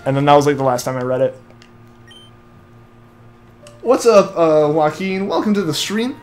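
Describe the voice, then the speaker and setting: A young adult man streams a game at a moderate pace, his slightly high, somewhat mellow voice swinging widely in pitch. He chats casually, reads viewer comments, and rambles with plenty of "like" and trailing restarts. Soft music plays behind him, picked up by a headset mic that feeds back to his headphones.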